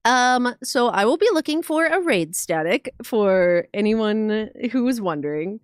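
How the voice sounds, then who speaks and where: A woman streamer reacting live, talking in a gushing, excitable way with swearing and laughter. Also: fairly high pitch, measured pace, clear, resonant tone, no room sound, studio quality.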